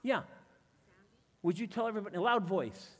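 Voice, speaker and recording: Man, stage illusionist, slightly high voice, chatty live patter, long hall reverb. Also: animated, fairly quick. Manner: chatty, self-deprecating, playful asides. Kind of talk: live magic show patter with audience volunteer. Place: church hall before a live audience.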